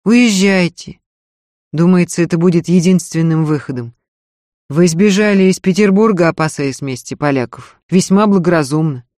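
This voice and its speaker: A man voicing a gruff, contemptuous nobleman husband in an audiobook reading. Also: on the high side, normal speed, darkish tone, no echo, clean studio sound, close to an everyday voice. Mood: weary scornful. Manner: curt and scornful, speaking through his teeth.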